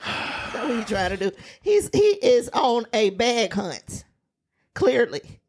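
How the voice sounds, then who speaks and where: A woman co-hosting a podcast in casual chat, relaxed and laid-back. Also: medium pitch. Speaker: podcast co-host.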